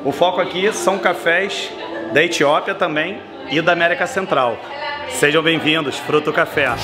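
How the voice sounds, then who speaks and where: A travel vlogger in his thirties with a Brazilian Portuguese accent chats enthusiastically, listing things off at a moderate pace in a slightly high voice. He films himself at arm's length with a handheld camera on a city sidewalk and café terrace, over loud music, a loud crowd and street noise.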